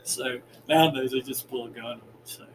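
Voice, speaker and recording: A man's voice: medium pitch, fairly even intonation, brisk. A man co-hosting a podcast, telling stories in a loose, profane, laughing way. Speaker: podcast co-host. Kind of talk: casual storytelling. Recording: noisy room ambience.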